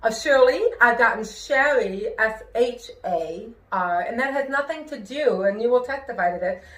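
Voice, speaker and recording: A woman's voice: a little high, moderate pace. Woman with distorted, w-like r sounds, echoey room. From New York, United States. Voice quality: hearing-impaired speech with distorted r sounds, closer to w or a rolled r. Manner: careful pronunciation with worked-on inflection; expressive, emphatic. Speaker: singer and show host. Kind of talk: personal conversational talk.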